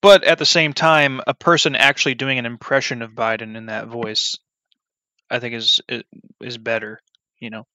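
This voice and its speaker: A man's voice: mid-range voice, fairly even intonation, normal speed, sharp tone, no echo. A man giving casual gameplay commentary as a gaming YouTuber, rambling bluntly with many ums and restarts. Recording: slightly dull, dry recording.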